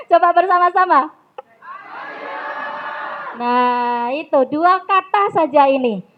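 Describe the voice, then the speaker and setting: A woman leading a public speaking training in a mosque hall, coaxing her audience and telling stories in a lively way. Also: high voice. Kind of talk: interactive training talk with storytelling. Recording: dull lo-fi recording.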